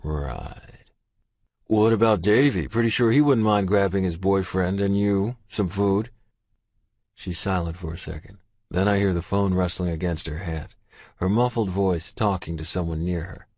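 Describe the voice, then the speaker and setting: A man with a very deep, low voice narrates a romance audiobook in the first person, gruff and intense. The read is dry and close with no room sound. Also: moderate pace, a little mellow, no echo.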